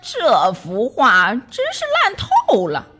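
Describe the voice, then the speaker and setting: Storybook mouse lady, hoarse and sneering, raised high and lively, as a woman puts her on. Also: slow pace, soft background music, full character voice. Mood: scornful. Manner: scornful, mocking. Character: sneering hoarse female mouse, sharp-toothed.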